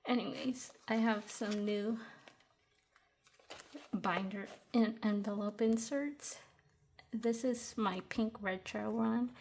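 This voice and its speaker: A woman's voice: medium pitch, darkish tone, slight background noise. A young woman in her twenties chatting casually as a budgeting vlogger, a little out of breath, with fillers and restarts. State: short of breath. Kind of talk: casual tutorial chat.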